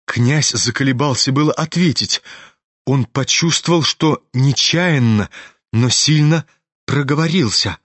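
A man narrating a literary audiobook in a measured, expressive storytelling manner. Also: mid-range voice, no room sound.

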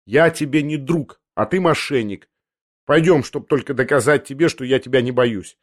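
A man's voice: medium pitch, normal speed, dry recording, clean studio sound, close to an everyday voice. A man reading an audiobook, voicing a proud, slightly tipsy teenage boy who answers with indignant defiance. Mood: defiant. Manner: challenging, indignant.

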